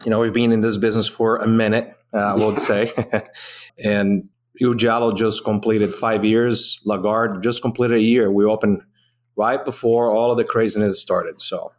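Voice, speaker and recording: A man's voice: on the low side, flat delivery, normal speed. A man from Brazil, a restaurant co-owner chatting casually as a podcast guest, rambling through stories with restarts.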